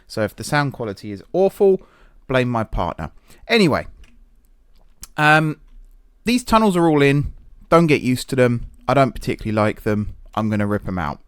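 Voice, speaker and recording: A man's voice: medium pitch, very animated, moderate pace, clean tone, studio quality. A man giving casual gameplay commentary, thinking aloud in a self-deprecating way, recorded in an echoey, sparsely furnished office. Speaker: gaming video host. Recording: echoey room with little furniture.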